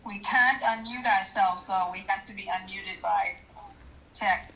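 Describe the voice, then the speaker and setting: A woman on a speakerphone in a meeting room, her bright, sharp voice coming thin and distant through the phone's speaker. She answers in short, quick bursts while sorting out muting and echo on the line. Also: mid-range voice, gravelly, slightly rough. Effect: heard over a speakerphone in the room. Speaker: remote caller, club co-president. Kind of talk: casual remote call chat.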